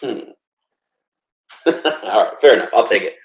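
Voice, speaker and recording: A man's voice: on the low side, lively intonation, measured pace, roomy sound, rough recording. A man co-hosting a casual sports podcast, rambling and playful, with lots of fillers. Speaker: podcast co-host.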